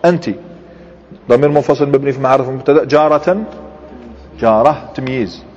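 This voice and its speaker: A man's voice: mid-range voice, brisk, a little mellow, faint music behind. Guy teaching grammar, quizzes the class as he goes, long echo like a big hall. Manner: explains step by step, quizzes students, mixes dialect with formal Arabic. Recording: dull lo-fi recording in a large reverberant hall.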